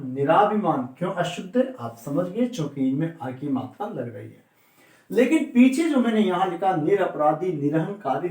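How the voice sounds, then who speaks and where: A man teaching grammar in a room with noticeable echo. His voice sits a bit high, and he stresses words firmly, drawing them out slowly as he repeats them. He keeps putting questions to the class and answering them himself. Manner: emphatic, repeats and drags out key words.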